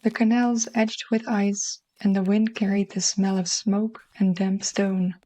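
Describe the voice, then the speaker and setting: Mellow Dutch-accented woman narrating a story. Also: medium pitch, little pitch movement, measured pace, no echo. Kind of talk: scripted literary short story narration.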